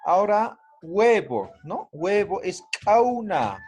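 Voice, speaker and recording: Male language teacher, explanatory, fairly high pitch. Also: sing-song, slow pace, a little mellow, slightly rough. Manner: explanatory, frequent tag questions. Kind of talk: online language class.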